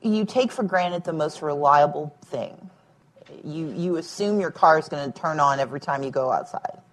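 A woman's voice: sits low, normal speed, rough recording. A woman speaking at a public event, a former candidate for governor, emphatic and dryly humorous with homely analogies. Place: event room with a live audience.

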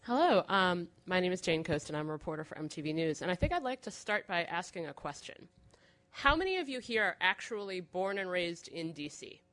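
A lower-pitched woman, speaking on a panel as a reporter. Her delivery is conversational and thoughtful, with small restarts as she works through her points. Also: big pitch swings, fairly quick, fairly bright tone. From Midwestern United States. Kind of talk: panel talk.

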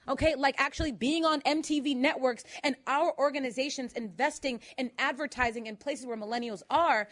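A woman speaking on a panel, emphatic and direct, addressing the audience. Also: high-pitched. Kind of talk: panel talk.

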